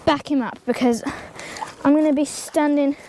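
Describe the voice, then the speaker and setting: Out in the stable yard beside her pony, a teen girl vlogger with a slight cold casually walks through horse grooming, rambling, dropping plenty of ums and likes, and talking to the pony. Her high, mellow voice keeps a fairly even intonation at a moderate pace. The audio is poor, with slight background noise.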